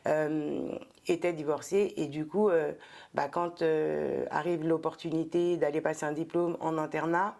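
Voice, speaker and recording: A woman's voice: deep voice, level tone, measured pace, gravelly, darkish tone. A middle-aged woman from France, a guest in an interview, talking thoughtfully with many hesitations and fillers. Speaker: guest, entrepreneur and former specialized educator. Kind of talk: casual interview talk.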